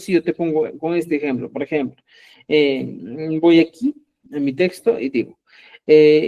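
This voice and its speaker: A man leads a live language lesson in a dark, mellow voice. He explains rules patiently and repeats example words slowly, syllable by syllable. He keeps checking that his listeners follow. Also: a little high. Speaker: Quechua language teacher. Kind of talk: live online class for teachers.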